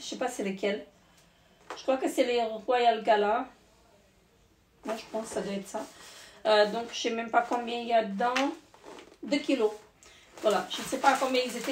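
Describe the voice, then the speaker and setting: A hoarse woman in her forties with a slightly high voice talks through her grocery haul, rambling and correcting herself as she goes. Her voice rings in an echoey room at home, over a faint hiss. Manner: chatty, rambling, many fillers and self-corrections. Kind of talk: casual haul vlog.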